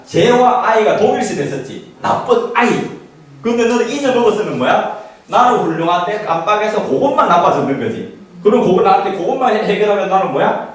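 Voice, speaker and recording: A man gives a parenting lecture in a high voice and swings his pitch widely. He acts out what a parent or child might say and laughs often. He sounds distant, and the hall's echo is heavy. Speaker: parenting instructor. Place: lecture room. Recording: echoey hall, far from the mic, faint noise.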